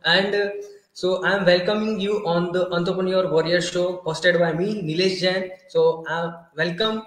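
Male show host, high-pitched, earnest, sounds recorded in a reverberant room. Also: steady tone, a little slow, fairly bright tone. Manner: earnest, grateful, repeats and restarts in non-native English. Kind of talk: casual online interview.

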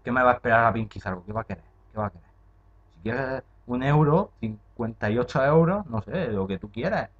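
Young man, horror game reactor; jumpy, swearing, very lively pitch, dull home mic. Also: a little fast. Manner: jumpy and excitable, swearing, muttering to himself. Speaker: gaming channel host.

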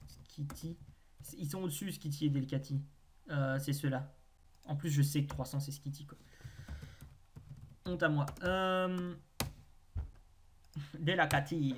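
Puzzling over a naming quiz, a gaming video host speaks at medium pitch, thinking out loud. Long, hesitant pauses alternate with wry digs at themself.

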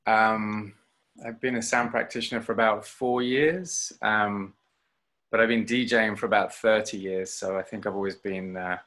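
A man from London, a DJ and sound practitioner, introducing himself in a measured way on a video call. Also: lowish voice, bright, forceful tone.

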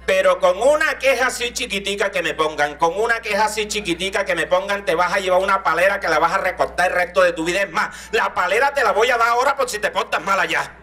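A man's voice: high voice, fast talker, hardly any pauses, pushed and bright. A man voicing a stern small-town mother, drawing out threats of a beating in a comic story. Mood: threatening.

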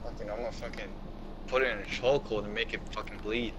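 A man's voice: on the low side, steady tone, fast talker. A young man in casual gaming banter, ranting crudely and swearing over voice chat. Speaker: gamer in party chat. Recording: noisy game voice chat with background hum.

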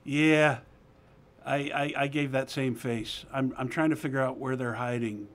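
A man's voice: mid-range voice, fairly even intonation, measured pace. A man co-hosting over a remote camera feed, chatting casually in a hesitant, stumbling way. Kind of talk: casual chat.

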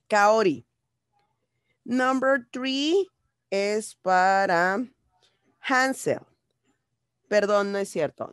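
Woman teacher, slow and patient, dry close sound, video call. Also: a little high, smooth, dry recording. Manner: patient, repeats each English phrase in Spanish. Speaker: primary school English teacher. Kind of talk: online class teaching young children.

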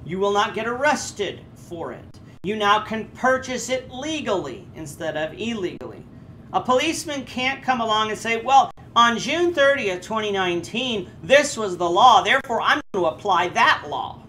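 A man's voice: moderate pace, slight background noise. A man in his thirties teaching a Bible class, earnest and explanatory, with frequent hesitations. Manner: earnest, with lively rises in pitch and frequent hesitations. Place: indoors before a red curtain. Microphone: camera framed chest-up.

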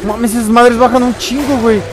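A man with a Mexican accent giving let's-play commentary, excitable and swearing, yelling at enemies. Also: extremely high pitch, brisk. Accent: Mexican Spanish. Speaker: gaming channel host.

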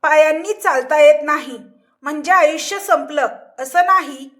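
A woman plays a young nurse from a storybook who speaks in a steady, direct way. Her voice is high and her delivery slow. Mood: firm.

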